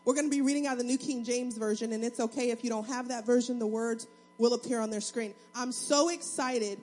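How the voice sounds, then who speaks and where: A woman pastor with a Southern US accent, preaching a fast, excitable sermon with call-and-response to her congregation. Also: fairly high pitch. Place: church sanctuary. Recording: long hall reverb.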